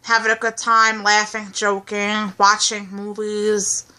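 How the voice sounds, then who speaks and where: A woman's voice: mid-range voice, completely flat delivery, slow pace, bright, forceful tone, clear, resonant tone. A woman in her twenties chatting casually, reading out questions and answering them. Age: 20s. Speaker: co-host. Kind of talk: casual chat.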